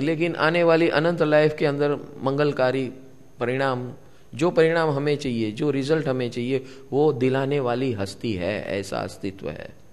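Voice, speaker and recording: Male spiritual teacher, slightly high voice, slow deliberate sermon, questions to audience, long hall reverb. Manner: repeats key words, asks the audience questions. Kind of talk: spiritual discourse to a live gathering.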